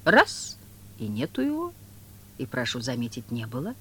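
A reader voicing a sly, fawning male trickster who speaks in quick exclamations. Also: mid-range voice, wildly swooping pitch, pushed and bright, husky, voice pushed down, heavily acted.

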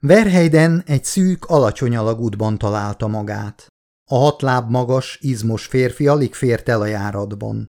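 A man giving scripted audiobook narration in a steady, measured storytelling manner. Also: medium pitch. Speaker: audiobook reader.

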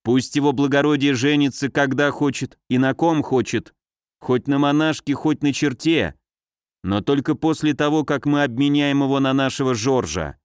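A man playing a gruff, threatening rebel leader. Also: mid-range voice, moderate pace, no room sound, studio quality, natural voice. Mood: angry. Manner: rough, threatening, shouting.

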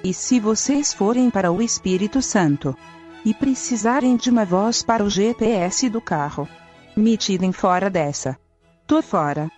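A teasing female search-engine assistant, as a woman voices her in a radio comedy sketch. She speaks slowly and flatly, in a mocking robotic manner with a mellow, dark tone. A faint music bed runs under the broadcast. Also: medium pitch, lightly acted. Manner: slow, flat, mocking robotic delivery.

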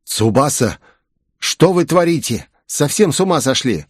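A man voicing a strict, cold male professor with a creaky, severe manner. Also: medium pitch, very animated, unhurried, dry recording, studio quality, voice pushed up.

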